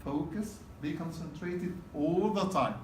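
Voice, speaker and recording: A man's voice: fairly high pitch, measured pace, darkish tone, a little hiss or hum. A man teaching a test-prep class in a casual lecture style, often checking in with "okay?" and repeating key points. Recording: roomy classroom from a distance.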